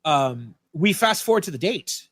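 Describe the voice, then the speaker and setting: A man with a slightly high voice for his sex recaps a film plot on a podcast, energetic and loose, peppered with profanity and ums. The sound is dry and close, with no room echo. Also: moderate pace, husky. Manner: animated, profane storytelling with fillers. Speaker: podcast co-host. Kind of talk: casual film-review retelling. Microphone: podcast mic.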